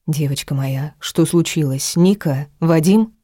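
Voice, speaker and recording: A woman voicing a calm middle-aged woman doctor who gently comforts her daughter. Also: low-pitched, a little slow, dry recording, clean studio sound. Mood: gentle. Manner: gentle, soothing.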